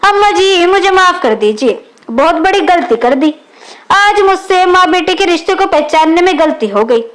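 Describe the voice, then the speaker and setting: A woman reading the lines of a young married woman who is quick to anger and later sorry, in a storybook reading. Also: extremely high pitch, lively intonation, a bit bright. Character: young married woman, hot-tempered then remorseful.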